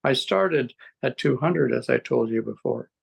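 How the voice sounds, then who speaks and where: A man in his seventies giving a rambling, halting interview testimonial, with frequent restarts and chuckles. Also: mid-range voice, creaky, slightly rough, poor audio. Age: 70s. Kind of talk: casual interview answers.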